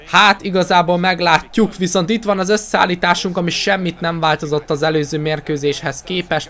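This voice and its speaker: Higher-voiced Hungarian man, casual gameplay commentary. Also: fairly bright tone. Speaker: gaming video host.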